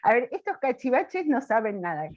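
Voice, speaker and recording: A woman teacher giving an online class, slow and questioning, checking often that students follow. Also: fairly high pitch, big pitch swings, a little mellow. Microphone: video call. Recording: dull lo-fi video call audio.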